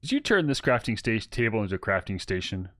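A man's voice: on the low side, big pitch swings, quick pace, a bit bright, dry recording, clean studio sound. A man hosting a casual co-op game session, playful and mock-grumpy, laughing as he plays. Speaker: gaming channel host. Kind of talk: casual co-op gameplay chat.

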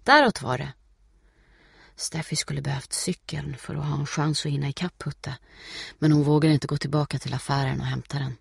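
A man reading a novel aloud as an audiobook narrator, in a steady, measured way. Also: on the high side, vocal fry, husky, no echo, clean studio sound.

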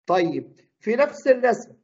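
A man with an Egyptian Arabic accent teaching a physics lesson, quizzing the class with quick questions. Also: extremely high pitch, very animated, darkish tone, dull audio.

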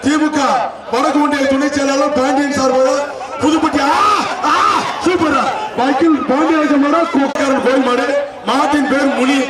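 High-pitched, echoing loudspeaker man commentating excitedly. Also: moderate pace. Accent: Tamil Nadu. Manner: shouted, repetitive calls and urgings. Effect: amplified through loudspeaker PA. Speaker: live event announcer at a bull-taming contest. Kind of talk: excited live running commentary. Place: outdoor arena with loud crowd behind. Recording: echoing outdoor PA, distant, loud crowd.

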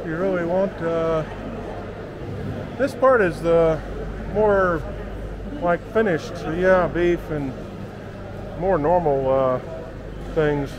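A man's voice: on the high side, takes it slowly, long pauses, background noise. A man giving casual walking-tour commentary in a market, exclaiming and marveling aloud. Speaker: travel vlogger. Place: indoor market hall.

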